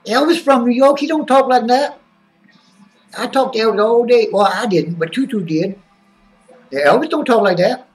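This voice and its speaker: A man's voice: extremely high pitch, moderate pace, long pauses, recorded from a distance, faint music behind. A man voicing a zany, boastful male wrestling-fan character who drawls and talks about himself in the third person. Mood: brash.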